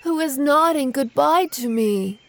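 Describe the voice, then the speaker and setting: A man's voice: very high-pitched, unhurried, creaky, voice pushed up, full character voice. A man voicing a brave young boy who reassures his sister, in a storybook reading. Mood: reassuring. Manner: calm, reassuring.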